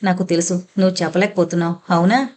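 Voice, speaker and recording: A woman reading as a caring female friend who speaks softly and reassuringly. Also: medium pitch, brisk, lightly acted. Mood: soothing. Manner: soft, reassuring. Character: caring gentle female friend, soothing and firm.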